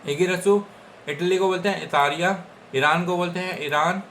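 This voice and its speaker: A man's voice: high voice, steady tone, normal speed, pushed and bright, a little hiss or hum. A young man from India teaching Japanese vocabulary in a casual Hindi lesson, repeating each word several times and checking in with "theek hai guys".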